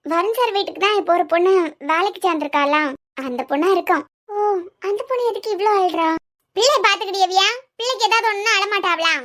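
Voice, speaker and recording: A woman's voice: very high-pitched, quick pace, fairly bright tone. A woman voicing a gossipy young hospital nurse in a cartoon serial, chattering with a Kanyakumari Tamil accent.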